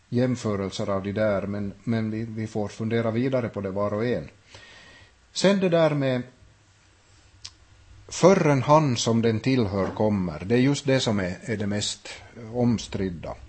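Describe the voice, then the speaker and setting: A man gives an unscripted Bible lesson, pausing and restarting as he works through ideas. His voice is husky and sits in a middling register. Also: medium pitch, darkish tone. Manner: thoughtful, with frequent restarts and hesitations. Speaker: Bible teacher. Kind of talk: unscripted Bible study talk.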